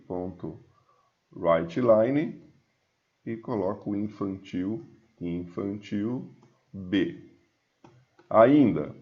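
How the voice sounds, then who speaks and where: A man, teaching a screencast coding lesson and reading code aloud slowly as he types. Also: lowish voice, darkish tone, highs cut off. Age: 50s. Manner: talks while typing, reads code aloud slowly. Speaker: programming instructor.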